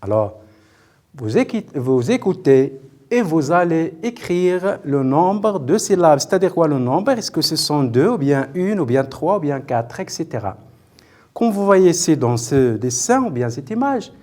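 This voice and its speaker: Slow, lively-pitched male teacher. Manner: patient, repetitive, stretches out words syllable by syllable; questions and praises pupils often. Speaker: primary school teacher. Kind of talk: televised classroom lesson.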